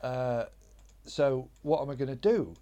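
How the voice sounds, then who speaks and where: A rambling man chats as a guest, his voice at an ordinary middle pitch. He tells the story self-deprecatingly, with plenty of restarts and asides. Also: measured pace, mellow, dull audio. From Sheffield, England. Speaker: comedian guest. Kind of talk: casual storytelling chat.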